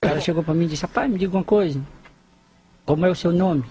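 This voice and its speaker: A man with a high voice tells a long comic story about his family. He rambles and circles back over the same points as he talks. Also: fast talker, warm tone. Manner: rambling, repeats himself while telling the story. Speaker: comedian.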